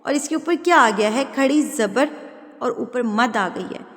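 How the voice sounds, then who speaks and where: A woman teaching Quran recitation rules step by step, explaining patiently, checking that students follow and drawing out example words slowly. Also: a little high, big-room sound. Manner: switches into slow, drawn-out, louder recitation for examples. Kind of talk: step-by-step tajweed lesson.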